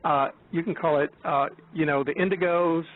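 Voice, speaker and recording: A man in his seventies, a guest on a call-in show, talking in a halting way with many restarts and fillers. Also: a little high, fairly even intonation. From United States. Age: 70s. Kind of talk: casual chat. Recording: tinny phone line.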